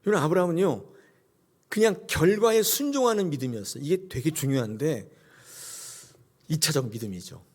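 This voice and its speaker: A middle-aged male pastor preaching a sermon and acting out scenes with sudden high cries. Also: brisk, pauses often, slightly rough. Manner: animated, acts out God's voice with sudden high cries.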